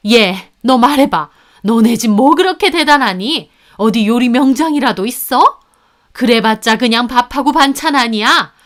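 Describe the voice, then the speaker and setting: A woman's voice: a little high, expressive, measured pace. A woman voicing a scolding middle-aged mother-in-law. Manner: sharp, scolding, defends her daughter. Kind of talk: narrated story with acted dialogue.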